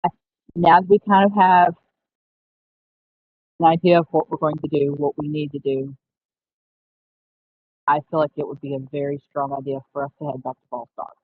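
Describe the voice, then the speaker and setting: A woman's voice: sits low, level tone, normal speed, pauses often, a little hiss or hum. A woman playing in a tabletop game over a call, her voice muffled as if heard through a wall. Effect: muffled audio, as if heard through a wall. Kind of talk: casual online game chat. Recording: muffled, phone-like voice call audio.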